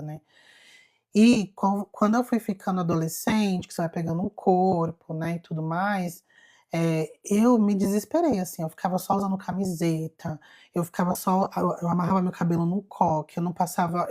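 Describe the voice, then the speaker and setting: Brazilian lady on a live stream, low-ish voice, animated and confiding, keeps saying "gente" to viewers. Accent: Brazilian Portuguese. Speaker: spiritual self-knowledge host. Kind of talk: casual storytelling on a live stream.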